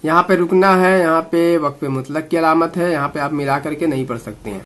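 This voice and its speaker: A man teaching Quran recitation, patiently explaining sounds letter by letter and chanting verses slowly between explanations. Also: on the high side, fairly bright tone. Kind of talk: recitation lesson.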